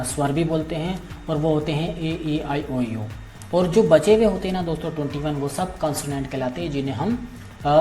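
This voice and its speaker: A man's voice: on the high side, mellow. A man teaching an English grammar lesson, explaining patiently, repeating key points and checking in with his students often.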